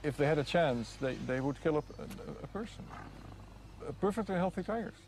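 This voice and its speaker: A man's voice: on the high side, animated, fairly quick, a little mellow. A man speaking as an expert in an unscripted documentary interview, hesitant and often repeating words. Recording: clear background ambient noise.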